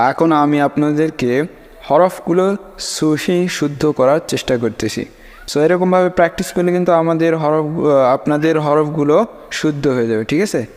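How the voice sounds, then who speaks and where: A man's voice: a little high, darkish tone, in a large hall. A man teaching Arabic letter sounds, saying each letter twice and often checking in with his listeners. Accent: Bangladeshi Bengali. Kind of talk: slow step-by-step pronunciation lesson.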